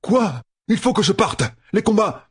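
A man's voice: a little high, expressive, moderate pace, husky, no room sound, clean studio sound, pitched above the performer's own voice. A man reading an audiobook voices an exhausted, stubborn young lord who presses with insistent questions. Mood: urgent. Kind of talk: audiobook character voice.

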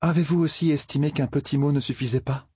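A man voicing a calm, fatalistic noblewoman sorceress who gives orders, in a storybook reading. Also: a little high, fast talker, breathy edge, pitched above the performer's own voice. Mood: cool.

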